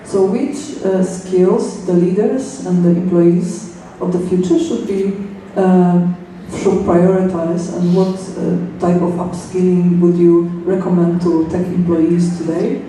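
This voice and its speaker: A panel moderator asking questions haltingly, with many fillers. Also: mid-range voice, level tone, mellow. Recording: echoey room, distant mic, faint noise.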